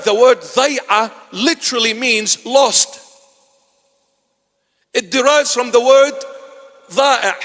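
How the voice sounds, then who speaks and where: A man preaching a sermon as a bishop, swinging from loud exclamations to hushed asides with wry humor. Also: high-pitched. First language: Assyrian. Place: church. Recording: long church reverb.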